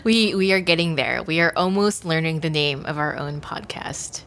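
A woman's voice: low-pitched, normal speed, fairly bright tone, slight background noise. A woman hosting a podcast in casual chat, playful and teasing with her co-host.

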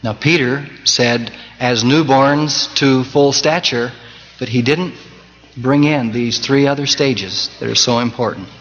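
A male pastor delivering a Sunday sermon, swinging from loud emphasis to soft, close tones and quoting scripture in old-fashioned cadence. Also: mid-range voice, measured pace. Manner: preaching with wide swings in loudness and emphasis. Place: church sanctuary. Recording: dull 1980s church tape with long reverb.

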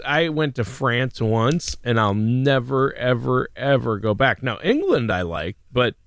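A man's voice: mid-range voice, a bit bright, clean tone. A man co-hosting a podcast, chatting casually with blunt, opinionated asides. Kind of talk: casual chat.

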